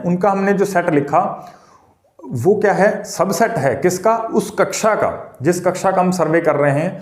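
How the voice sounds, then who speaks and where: A fairly high-voiced man teaching maths in an echoey room. He explains step by step, asks the class questions and answers them himself, repeating key words often. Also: a little mellow. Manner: repetitive and explanatory. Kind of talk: exam-prep maths lesson.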